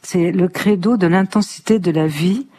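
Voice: medium pitch, moderate pace, warm tone, husky. A guest on a radio program, discussing literature with enthusiasm and often stopping to search for words. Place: radio studio.

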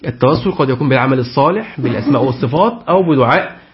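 A man's voice: mid-range voice, lively intonation, rapid-fire, a little hiss or hum. A man giving a Quran tafsir lesson, putting questions to his class and repeating their answers. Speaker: Quran teacher. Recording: dull lo-fi recording.

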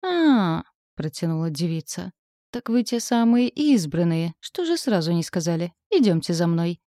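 A woman's voice: fairly low pitch, expressive, normal speed, warm tone, no room sound, close to an everyday voice. Storybook goddess, coquettish, playful, a woman doing her, dry close sound. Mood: coy. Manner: coquettish, teasing. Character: flirtatious naked goddess, playful and coy.

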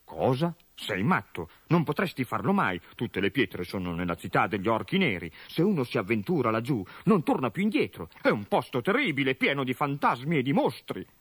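A man voicing a grave male orc village doctor and wizard who speaks in a low, sober, warning way, in a storybook reading. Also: sing-song, brisk, few pauses, a bit bright, breathy edge, dry recording.

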